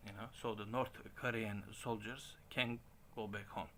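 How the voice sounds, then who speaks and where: A man in his late forties talking casually in a halting way, with frequent restarts and chuckles. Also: on the low side, fairly even intonation, bright, forceful tone, slight background noise. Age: 40s. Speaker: stream host. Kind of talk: casual rambling monologue.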